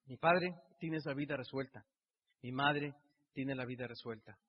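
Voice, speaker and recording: Guy preaching success onstage, kinda husky, echoey hall sound. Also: mid-range voice, moderate pace. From Mexico. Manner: emotional, repetitive, builds with repeated phrases. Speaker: motivational speaker. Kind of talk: motivational stage speech. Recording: dull sound in a reverberant hall.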